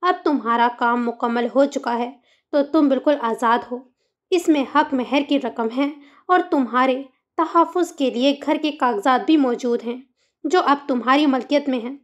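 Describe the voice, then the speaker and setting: A woman's voice: high voice, moderate pace, lo-fi sound, natural voice. A woman voicing a stern young husband who talks in a curt, cold, controlled way.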